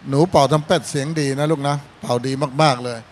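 A man's voice: medium pitch, steady tone, fast, slight background noise. A man judging a student band contest, giving fatherly critique and calling the students his kids. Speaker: contest judge.

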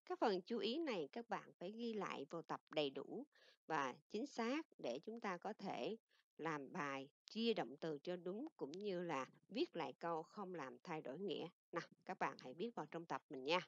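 A woman English teacher with a Vietnamese accent giving a recorded lesson, explaining in Vietnamese and reading English example sentences slowly and carefully. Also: on the low side, expressive, no room sound. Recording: dull lo-fi dry recording.

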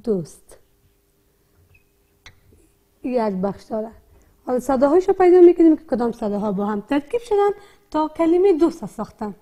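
A woman with an Afghan Dari accent teaches young learners to read. She has a high, soft, mellow voice. She breaks every word into its sounds and repeats each one patiently. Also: sing-song. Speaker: primary school teacher. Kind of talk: slow, repetitive literacy lesson.

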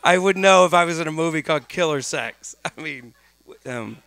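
A man's voice: fairly high pitch, animated, fairly quick, gravelly, a bit bright, smooth, dry recording. A middle-aged man from Texas telling a comedic story live on stage into a close microphone, animatedly acting out the dialogue. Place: small dark stage venue, indoors. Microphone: stand microphone, close.

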